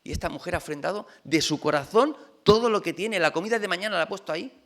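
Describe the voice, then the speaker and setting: A man's voice: high voice, quick pace, fairly bright tone. A man from preaching a conversational sermon in a church, chatty and full of rhetorical questions to the congregation. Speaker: pastor.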